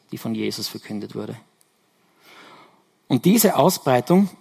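A man's voice: medium pitch, a little mellow. A man preaching a sermon to his congregation, explaining scripture step by step and correcting himself as he goes. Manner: explanatory, self-correcting, emphatic repetitions.

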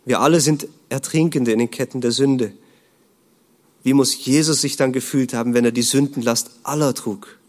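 A man's voice: steady tone, normal speed. Earnest German-speaking male preacher. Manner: earnest, rhetorical questions, dropping to a low hush. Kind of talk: sermon.

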